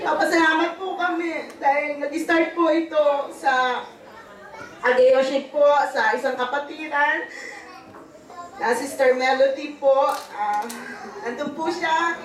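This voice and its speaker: Middle-aged woman, halting polite church testimony, handheld mic, roomy hall heard from a distance. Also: sits high, fairly even intonation, a bit bright. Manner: halting, polite, many fillers. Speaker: church member giving outreach history. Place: large bare church hall indoors. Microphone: handheld microphone. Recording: echoey hall, far camera.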